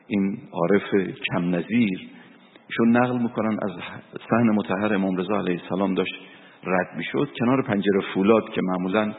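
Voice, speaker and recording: A man's voice: lowish voice, gravelly. A man giving a sermon as a cleric, telling stories and reciting verse and scripture. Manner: storytelling preacher, recites verse and Quran. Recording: tinny phone-like sound with long reverb.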